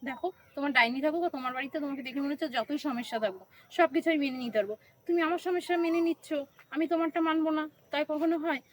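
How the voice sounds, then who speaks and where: A woman playing a bold, self-assured new bride who talks brashly and fast, in a comedy skit. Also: high voice, slight background noise, close to an everyday voice, rough recording. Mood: coaxing.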